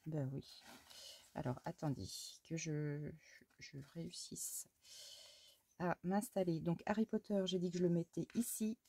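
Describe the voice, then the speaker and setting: Speaking unhurriedly with long pauses, a Frenchwoman works through her scrapbook, muttering, exclaiming at small mishaps, and turning to her cat with fond words between steps. Her voice is fairly low, mellow and steady. It's a casual crafting vlog recorded with no room sound.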